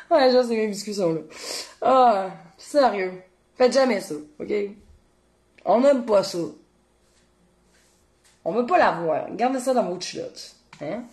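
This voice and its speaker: Chatty Québécois woman, fairly high voice. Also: takes it slowly, pauses often. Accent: Québécois French. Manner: expressive, chatty, swears casually; talks straight to viewers, reads their comments. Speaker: cooking show host. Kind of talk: casual livestream chat.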